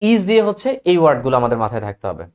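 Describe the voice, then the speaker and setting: A man's voice: medium pitch, very animated, very fast, darkish tone. A man teaching an English grammar lesson, reciting word lists in a rhythmic chant and mixing English phrases into his explanations.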